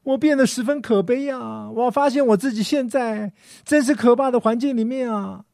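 A man's voice: very high voice, normal speed, vocal fry, darkish tone, dry recording, clean studio sound, voice pushed up. A man putting on the voice of an imagined old apostle who whines with self-pity. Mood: whining.

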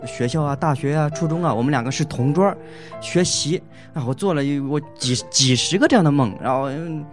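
Over soft background music, a man with a rather high voice gives a casual testimony about his marriage as a husband. His speech is halting, full of fillers and restarts, and he laughs often.

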